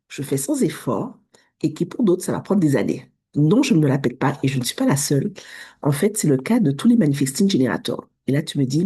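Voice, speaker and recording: Woman vlogger, 30s, English accent; low, dark voice, chatty direct address. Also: slightly rough. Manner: chatty, addresses viewer as tu, self-correcting restarts. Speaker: vlogger, business coach. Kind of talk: casual direct-to-camera talk.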